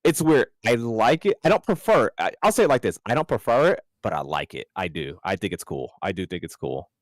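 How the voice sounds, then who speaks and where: A man co-hosting a casual gaming podcast, rambling and excitable, his voice jumping up high when he jokes. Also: a little fast, no echo, clean studio sound. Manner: excitable, rambling, jumps up in pitch when joking. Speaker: podcast co-host.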